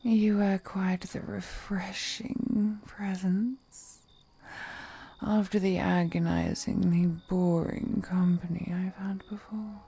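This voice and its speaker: A woman voices an ancient vampire seductress, whispering slowly in a breathy, mellow tone at medium pitch with a flat delivery. Flirty and possessive, she teases and purrs endearments like in an intimate roleplay audio drama, music playing behind her. She sounds grateful and playful.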